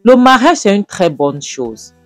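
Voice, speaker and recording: Animated man recapping a drama series. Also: high voice, unhurried, no echo, soft background music. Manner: animated storytelling, speaking straight to viewers. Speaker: series reviewer. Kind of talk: retelling and commenting on a drama series.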